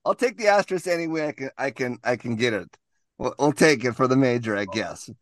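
A man's voice: medium pitch, animated, fairly quick, no echo, studio quality. A man co-hosting a casual golf podcast, telling a story and laughing as he goes. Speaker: podcast co-host. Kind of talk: casual chat.

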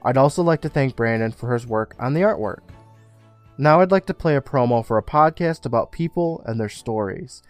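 A man hosting a podcast, reading announcements and retelling TV scenes in an animated way. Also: medium pitch, a little fast, dry recording, soft background music. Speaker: podcast host. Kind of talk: casual podcast recap and announcements.

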